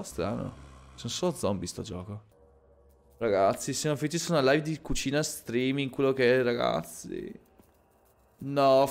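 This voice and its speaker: A man streaming a horror game, talking to his viewers as he plays. His pitch swings widely as he goes from grumbling under his breath to sudden yelled outbursts and strings of curses. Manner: swearing, excitable, quick shifts from muttering to yelling. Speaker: gaming streamer. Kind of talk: live gameplay commentary.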